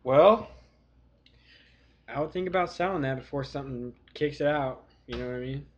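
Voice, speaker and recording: A man's voice: mid-range voice, normal speed. A young man co-hosting a podcast, throwing in short, crude teasing quips in casual chat. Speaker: podcast co-host. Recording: dull lo-fi sound.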